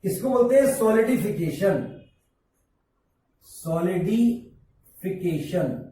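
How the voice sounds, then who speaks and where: A male teacher giving a slow classroom lesson, repeating key terms and asking and answering his own questions. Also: sits high, a little mellow. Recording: very echoey room, voice from far off.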